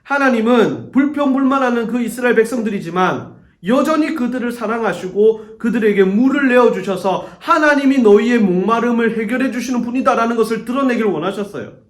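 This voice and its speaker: A middle-aged male youth pastor preaching a sermon to teenagers in a church, telling the story with animated storytelling. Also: very high voice, fairly quick. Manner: animated storytelling, acts out quoted voices. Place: church sanctuary. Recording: echoey church room.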